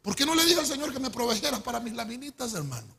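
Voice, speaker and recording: A middle-aged man with a Honduran accent preaching a testimony sermon, telling his story in an animated way and calling his listeners brother. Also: extremely high pitch, quick pace, creaky. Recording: echoey hall with long reverb.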